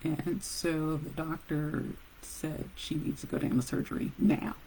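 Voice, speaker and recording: A woman who works as a nurse, casually telling a personal story with animated pauses and laughs. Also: sits low, creaky, slight background noise, rough recording.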